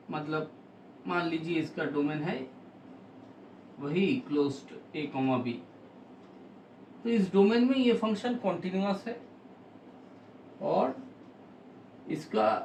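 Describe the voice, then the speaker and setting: A man teaching a math lesson, explaining slowly and step by step with frequent pauses. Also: high-pitched, a little mellow, roomy sound, far from the mic, a little hiss or hum, low-quality recording.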